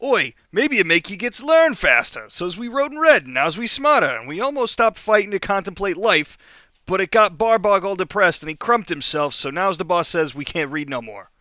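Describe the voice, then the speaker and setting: A man voicing a dim, rough male orc soldier who rambles in broken grammar. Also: sits high, sing-song, a little fast, pushed and bright, no room sound, highs cut off, voice pushed up, full character voice. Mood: excited.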